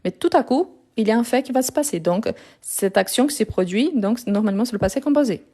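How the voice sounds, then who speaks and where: Woman, language teacher, live lesson, phone mic, mellow tone, patient, repetitive explanations. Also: on the high side, animated, fairly quick. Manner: explains patiently, repeats and self-corrects. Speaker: French teacher. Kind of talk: live online grammar lesson.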